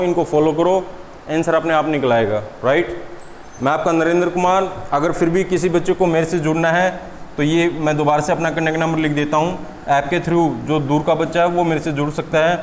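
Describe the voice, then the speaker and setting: A man teaching an exam-prep lesson in a classroom. He asks his students questions and answers them himself, and he says words slowly and deliberately. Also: fairly high pitch. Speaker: English teacher. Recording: echoey room with long reverb and faint noise.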